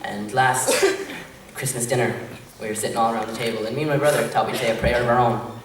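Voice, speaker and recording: A young Irish man doing live stand-up, chatty and rambling with filler pauses, recorded far from the mic in an echoey club. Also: mid-range voice, steady tone. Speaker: stand-up comedian. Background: crowd laughter and room noise.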